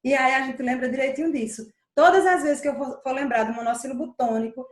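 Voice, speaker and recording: A woman with a high voice teaches a grammar lesson, slowly stretching out the stressed syllables and repeating them so they stick. The sound is roomy, with a clear echo around her. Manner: stretches stressed syllables, slow emphatic repetition.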